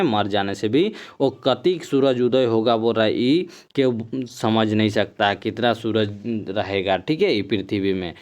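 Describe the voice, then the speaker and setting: A man's voice: lowish voice, clean tone. A man teaches an exam-prep class, reading poem lines aloud and then explaining them, and he keeps repeating "ठीक है". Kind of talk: explaining poems in a recorded class. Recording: dull lo-fi sound.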